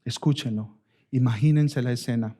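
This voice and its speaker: A male pastor preaching a sermon, swinging from emphatic high lines down to hushed, slow ones and calling his listeners brothers. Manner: rises to emphatic highs, then drops to hushed, slow lines; addresses listeners as brother and sisters.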